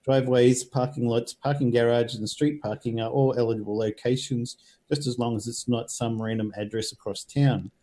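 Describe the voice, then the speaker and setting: A man's voice: mid-range voice, steady tone, moderate pace, mellow. A man with an Australian accent presenting tech news, reading items out and explaining them.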